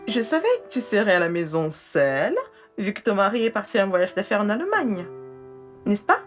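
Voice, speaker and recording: A woman's voice: mid-range voice, very animated, moderate pace, soft background music, natural voice. An actress dubbing a chatty female friend who drops by to gossip, for a French film dub. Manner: gossipy, leisurely. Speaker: visiting friend.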